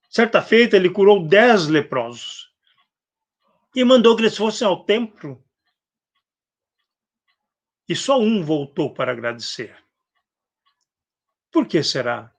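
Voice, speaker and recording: A man with a Brazilian Portuguese accent giving a reflective spiritist sermon, acting out gospel quotes and clearing his throat often. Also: fairly high pitch. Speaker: spiritist speaker. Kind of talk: spiritist sermon on a live stream.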